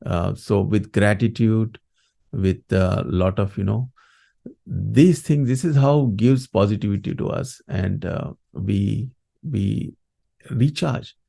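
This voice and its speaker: A man with an Indian accent and a mellow, gravelly voice. He explains things as an interviewed coach, reflective and halting, in a lowish register. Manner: halting, reflective, often adds "you know" and "right". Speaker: grief coach, interview guest.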